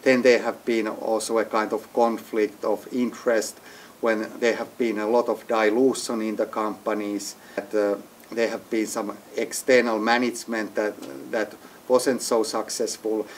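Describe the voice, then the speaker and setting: A man's voice: fairly low pitch, steady tone, unhurried, a little hiss or hum. A man from Finland being interviewed as an entrepreneur, speaking English as a with hesitant phrasing and frequent restarts. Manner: hesitant, restarts often, non-native phrasing. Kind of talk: business interview. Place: executive briefing center.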